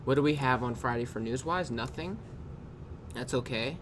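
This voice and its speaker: A man casually reviewing his trading day, tired and yawning, talking in a loose, unhurried way with drawn-out pauses and the odd swear word. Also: medium pitch, noisy background. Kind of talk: casual screen-recorded trade review. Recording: clear keyboard typing in background.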